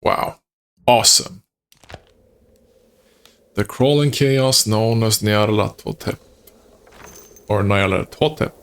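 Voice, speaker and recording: A man's voice: medium pitch, slow pace, pauses often, fairly bright tone, clear, resonant tone. A man streaming a horror game, talking casually and enthusiastically to his viewers with chuckles. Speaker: gaming streamer. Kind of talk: casual gameplay commentary.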